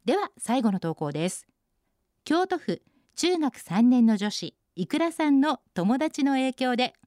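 This is a woman hosting a radio show, reading listener submissions and reacting with cheerful, chatty comments. Her voice sits fairly high and moves a lot in pitch. The studio sound is dry and close. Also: very animated, a little slow, no echo. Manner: bright, chatty commentary on each post. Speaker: radio host.

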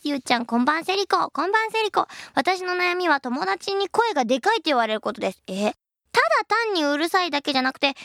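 A young woman in her twenties hosting a radio show, reading listener letters and answering them in a chatty, playful way, her voice a little husky. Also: high voice, no echo, studio quality. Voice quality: a bit husky, by her own account. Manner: lively, chatty and playful, laughs at her own slips.

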